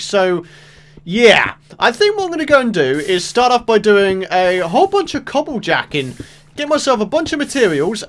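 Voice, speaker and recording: Lively young British gaming YouTuber. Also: male voice, high voice. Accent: British English. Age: 20s. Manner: chatty, self-mocking, excitable outbursts. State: morning voice. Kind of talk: casual let's-play commentary.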